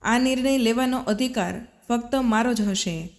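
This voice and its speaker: A woman voicing a proud, headstrong young wife who speaks with sharp, indignant reproach, in a storybook reading. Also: a little high, normal speed, natural voice. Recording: long reverb.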